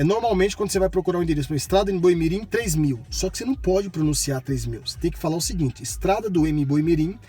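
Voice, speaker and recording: A tutorial presenter from Bahia, speaking with a Brazilian accent, gives a casual, colloquial lesson, repeating himself and often checking in with viewers. His voice is high-pitched, mellow and husky.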